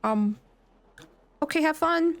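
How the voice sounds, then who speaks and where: A woman streaming VR role-play through a headset mic, soft-spoken in character and cursing casually when annoyed. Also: high-pitched, animated, slow pace.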